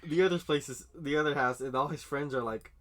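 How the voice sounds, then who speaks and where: A man's voice: a little high, brisk, fairly bright tone. A man chatting casually about a manga arc, swearing freely, laughing often and acting out the characters' lines. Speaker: podcast co-host. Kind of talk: casual chat recapping manga.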